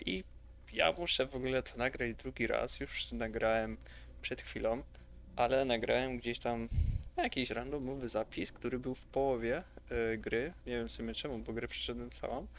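A man giving chatty, rambling, enthusiastic commentary over gameplay. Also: medium pitch. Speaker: gaming youtuber.

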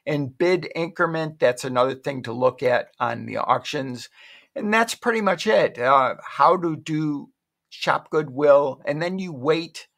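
The voice is a middle-aged man's, a little high and a little slow, with vocal fry and a bit of brightness. As an online shopping vlogger, he casually guides viewers through an auction site from his home desk in a rambling, chatty screen-share, self-correcting as he talks.

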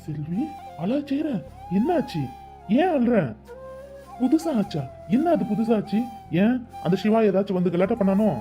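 A woman's voice: low voice, lively intonation, fairly quick. A woman voicing Kathir, a playful, devoted young man in a cartoon, coaxing, teasing and protective. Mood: reassuring. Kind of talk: cartoon voice acting. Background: background music.

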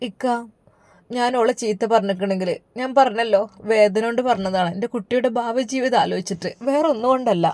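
A woman voicing a worried, tearful middle-aged mother with a Malabar Malayalam accent, pleading and high. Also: a little fast, a little mellow, dry recording, natural voice. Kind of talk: storybook narration.

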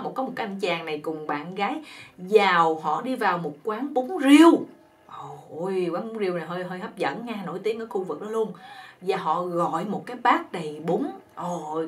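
A woman hosts her own channel and tells a humorous folk poem. Her fairly high voice leaps around animatedly, full of exclamations and chatty asides. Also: a bit bright. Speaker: channel host, joke teller.

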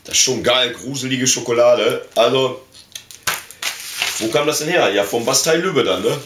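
This is a German man in his forties vlogging about his collectibles in a casual unboxing chat, speaking at a moderate pace with a mid-range voice. He's enthusiastic, colloquial, and slangy. The recording comes from a small indoor room full of collectibles and is echoey, with faint noise and clicks.

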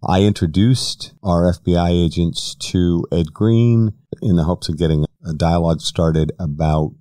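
A man's voice: extremely low pitch, warm tone, dry recording, studio quality. A man hosting a podcast, asking questions and giving long, careful explanations in casual interview talk. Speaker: podcast host.

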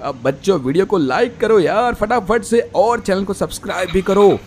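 A man narrating toy play for children on a toy channel, exclaiming in a lively way. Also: high voice, moderate pace, a little hiss or hum.

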